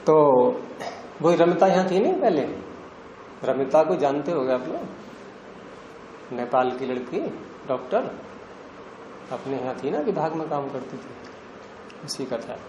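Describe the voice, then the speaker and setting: A man's voice: on the high side, animated, lo-fi sound. Older man lecturing in an echoey classroom. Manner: questioning students, drawn-out explanations. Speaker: teacher. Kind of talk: classroom lecture on Indian philosophy and grammar. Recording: echoey classroom with faint background noise.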